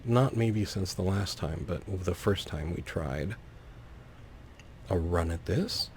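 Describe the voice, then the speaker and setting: A gravelly-voiced man with a low register hosts a let's play, narrating at a slow pace. Taking his time, he thinks out loud and drops in whimsical remarks, with faint noise in the background.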